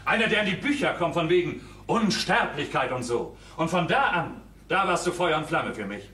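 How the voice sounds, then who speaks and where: An actor playing a harried young sculptor, blunt and exasperated, recorded live on a roomy stage from a distance. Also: male voice, fairly high pitch, big pitch swings, moderate pace. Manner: exasperated, blunt, sometimes shouting. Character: harried young sculptor, man, curt with his ex.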